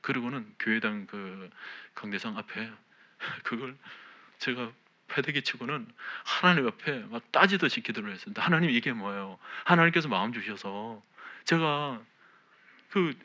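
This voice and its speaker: A man's voice: medium pitch, lively intonation, normal speed, pushed and bright, muffled recording. A middle-aged male pastor preaching a sermon, moving between fervent exhortation and personal storytelling.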